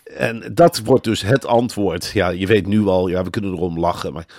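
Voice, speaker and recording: Gravelly, sardonic man co-hosting. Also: deep voice, moderate pace, darkish tone, dry recording, clean studio sound. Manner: sardonic, mocking. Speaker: podcast co-host. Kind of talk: casual chat.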